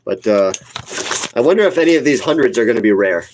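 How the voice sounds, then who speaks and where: Animated and quick, with a darkish tone, this forty-ish retail investor answers viewer comments in a casual livestream. He's sniffling from a cold, blunt and opinionated, and says things twice for emphasis; the recording is rough with slight background noise.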